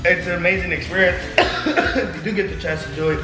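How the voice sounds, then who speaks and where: High-voiced young man joking over music. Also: fairly even intonation, fast. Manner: crude, joking, swearing. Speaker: vlog host taking part in a Q&A. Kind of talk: casual banter with friends. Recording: echoey room with loud music underneath.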